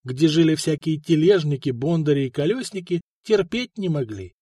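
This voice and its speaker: A man narrating an audiobook in an even storytelling manner with a light ironic touch, recorded close to the mic. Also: on the high side, moderate pace, breathy edge, no echo. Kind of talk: scripted narration.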